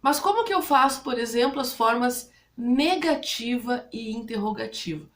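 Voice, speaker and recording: A woman's voice: on the high side, lively intonation, normal speed, fairly bright tone. A woman speaking Brazilian Portuguese, explaining English grammar rules to students step by step and often checking in with her listeners. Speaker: English teacher.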